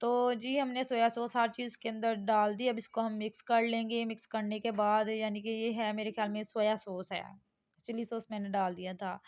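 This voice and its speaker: A woman's voice: a little high, flat delivery, moderate pace. A middle-aged woman from Pakistan, talking casually and rambling through a home cooking vlog. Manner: chatty and rambling, with frequent fillers and laughs at herself. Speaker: vlogger.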